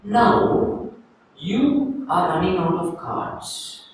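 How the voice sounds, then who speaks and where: Sri Lankan monk giving a calm, slow dharma talk, high voice, distant in a roomy hall with faint hiss. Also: male voice. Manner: slow, calm, leading a guided reflection. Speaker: Buddhist monk teaching. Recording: echoey room, distant mic, faint noise.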